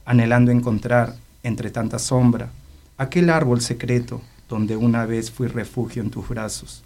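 Brief: male radio guest, hesitant talker who reads poetry, mid-pitched voice. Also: warm tone. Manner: hesitant, fills with "o sea" and "eh". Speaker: guest poet and cultural organizer. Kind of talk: casual interview chat and poetry reading.

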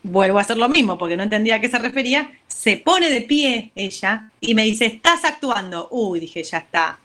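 A woman's voice: on the high side, a little fast. A woman with an Argentine accent, telling a story in a casual interview and acting out what people said. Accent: Argentine Spanish. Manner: animated, acts out quotes. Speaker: guest.

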